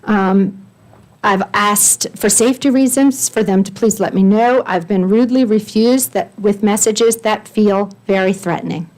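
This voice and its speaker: A woman's voice: mid-range voice, a little slow, darkish tone. A woman reading her own prepared statement at a county board meeting, earnest and pleading, stressing her points in lists. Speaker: resident speaking at public comment.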